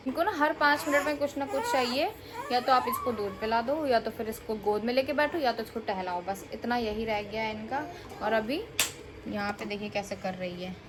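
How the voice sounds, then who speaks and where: A woman's voice: fairly high pitch, normal speed. A young woman, a mother vlogging at home, coaxing and scolding her small children and chatting to viewers. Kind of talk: casual home vlog. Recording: noisy home recording.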